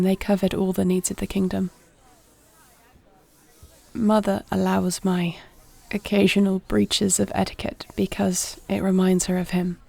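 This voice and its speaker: A woman voices a gentle, dignified warrior princess in an intimate fantasy roleplay, speaking softly with formal, measured, tender diction. Her medium-pitched voice carries vocal fry, with no echo.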